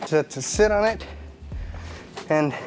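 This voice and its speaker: Male vlog host, slightly higher voice, chatty and self-mocking, light music under him. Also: slow pace. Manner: chatty, self-deprecating, bemused. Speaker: vlogger host. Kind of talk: casual vlog narration.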